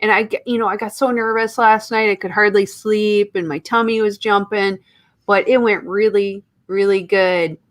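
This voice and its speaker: A woman's voice: mid-range voice, fairly even intonation, normal speed, no echo. A woman with a Midwestern accent co-hosting a podcast, chatting casually, giggly and enthusiastic. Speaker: podcast co-host. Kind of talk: casual chat.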